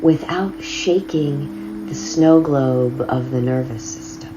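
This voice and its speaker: A meditation guide leads a body scan in a soft woman's voice, with slow, drawn-out phrasing and long pauses, plus a low rumble. The lo-fi recording sounds slightly dull, with loud singing bowl music over it. Crystal singing bowls and a flowing river play in the background.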